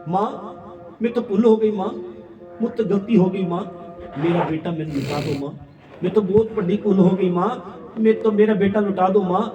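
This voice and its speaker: A man's voice: sits high, normal speed, lightly acted. A man voicing a wailing grief-struck king. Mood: begging. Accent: Punjabi. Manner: pleading, lamenting. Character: grieving king wailing over his dead son. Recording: echoey hall, distant dull mic, crowd.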